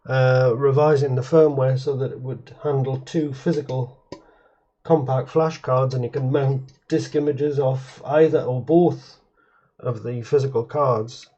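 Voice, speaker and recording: A man with a mellow, medium-pitched voice keeps a steady tone and measured pace while casually showing off computer hardware at his home workbench. As a retro computing hobbyist presenter, he rambles, stalls and frequently corrects himself partway through sentences. His audio comes across slightly dull and muffled.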